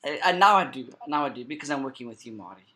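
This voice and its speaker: An interview guest from South Africa and Cape Verde, this man speaks with a South African accent; his first language is Cape Verdean Creole Portuguese. His medium-pitched voice is bright, forceful and expressive, racing along. Conversational and reflective, he builds earnest personal stories through emphatic repetition.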